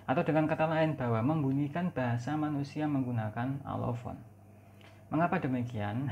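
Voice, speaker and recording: A man from Indonesia giving a recorded university lecture, explaining slowly, asking the listener questions and stretching out example words. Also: medium pitch, vocal fry. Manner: slow explanatory teaching, asks the listener questions; stretches out example words when demonstrating sounds. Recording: dull lo-fi recording with faint noise.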